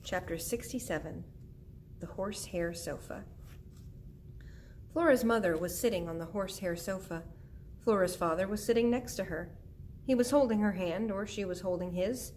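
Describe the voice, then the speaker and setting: A woman narrating a children's book aloud in a gentle, even storytelling manner. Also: medium pitch, moderate pace, long pauses, slight background noise. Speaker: audiobook reader.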